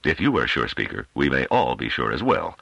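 A man reading an audiobook, voicing a male councillor who argues in a grave, measured and sardonic way. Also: rumbling low, huge pitch swings, gravelly, pushed and bright, breathy edge, dry recording, muffled recording, heavily acted. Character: calm sardonic male councillor defending himself.

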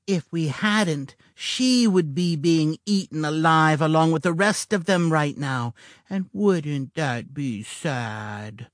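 A man's voice: on the high side, expressive, takes it slowly, no echo, clean studio sound, voice pushed up. A man voicing a cruel little girl who lives inside a child's head, speaking in a hissing, taunting whisper.

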